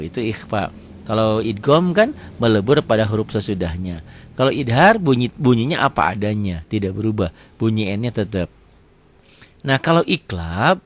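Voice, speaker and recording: A man teaching tajwid rules, patiently repeating words slowly and asking and answering his own questions. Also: medium pitch. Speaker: Quran recitation teacher. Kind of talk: explaining tajwid rules to students.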